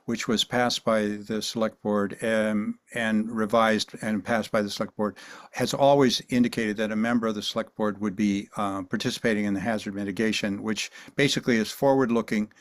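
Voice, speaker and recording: A man lays out a point at a local board meeting in a formal, measured way. His voice is low and flat, and it sounds dry and close. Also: no room sound. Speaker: committee member. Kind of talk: town meeting discussion.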